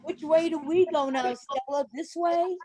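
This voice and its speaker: A woman's voice: high voice, measured pace, mellow, dry recording. An actress playing a fragile, flirtatious, nervy genteel woman with an affected manner in a stage play. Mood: uncertain. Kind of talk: stage play acting over a remote reading. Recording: noisy home recording.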